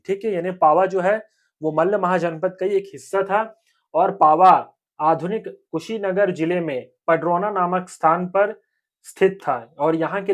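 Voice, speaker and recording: A young man teaching a history lesson for exam preparation. He keeps asking questions and answering them himself, repeats key points, and often checks in with the viewers as friends. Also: high voice. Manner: repetitive, asks and answers own questions; frequent 'theek hai friends' check-ins.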